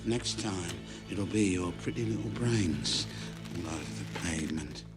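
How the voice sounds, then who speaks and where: An actor playing a menacing male beadle in a film musical, making low sneering threats. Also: unhurried, music in the background. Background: film score.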